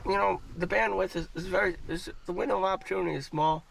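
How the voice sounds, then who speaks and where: A man's voice: high voice, steady tone, fast, creaky, fairly bright tone. A man from the United States ranting on a livestream in a profane, rambling way that keeps repeating itself, recorded on a distant mic with faint noise behind. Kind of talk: casual ranting monologue.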